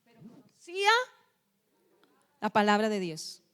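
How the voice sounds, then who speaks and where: A woman's voice: medium pitch, sing-song, unhurried, smooth. A middle-aged woman pastor, preaching a sermon and firing questions at the congregation, scolding them at times. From Colombia.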